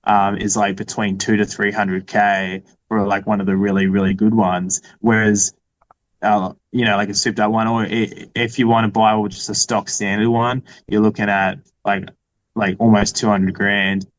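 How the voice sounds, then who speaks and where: A man's voice: lowish voice, flat delivery, moderate pace, rough recording. A man with an Australian accent, talking casually as a podcast guest, rambling with lots of fillers and restarts. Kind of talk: casual conversation.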